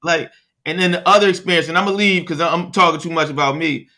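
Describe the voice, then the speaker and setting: Bright-voiced man hosting a casual podcast. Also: fairly high pitch, fast talker. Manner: relaxed, friendly slang, trails off searching for words. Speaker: podcast host.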